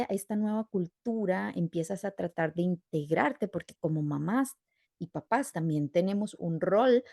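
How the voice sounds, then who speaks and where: A woman hosts an interview podcast in a warm, chatty style, explaining at length and slipping in rhetorical questions. Her voice is on the low side, creaky and darkish, captured in a dry, studio-quality recording.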